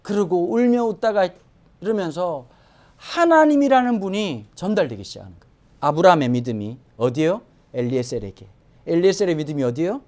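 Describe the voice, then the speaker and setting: A woman pastor preaching a Sunday sermon in a church, swinging from hushed asides to emphatic exclamations. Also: fairly low pitch, sing-song, brisk. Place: church sanctuary.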